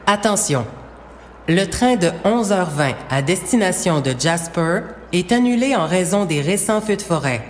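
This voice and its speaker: A woman delivers formal public-address announcements in the manner of an airport or station announcer. Her voice is fairly low and. It rings out in a long hall reverb, with faint noise behind it. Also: expressive, a little slow. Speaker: announcer in a French listening exercise.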